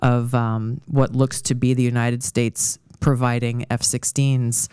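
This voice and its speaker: Measured male podcast guest with a smooth, clear voice and a dry, close sound. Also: medium pitch, level tone, a little mellow, dry recording. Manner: measured, with hesitant restarts before long points. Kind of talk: political discussion.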